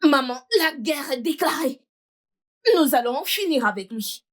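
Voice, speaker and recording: A woman's voice: high voice, animated, measured pace. A woman playing a fierce young woman in a French film dub, declaring war on an enemy of the family. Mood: defiant. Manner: defiant, forceful.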